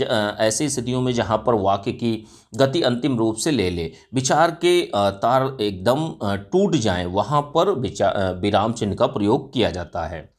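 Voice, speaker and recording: A male teacher giving an exam-prep lecture, explaining step by step and often asking and answering his own questions, with frequent fillers. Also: medium pitch. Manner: frequent fillers and self-corrections.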